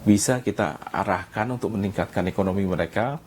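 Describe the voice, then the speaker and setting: A man's voice: fairly low pitch, fairly quick, a little mellow, a little hiss or hum. A man, a researcher guest explaining his work at length in a casual talk show conversation.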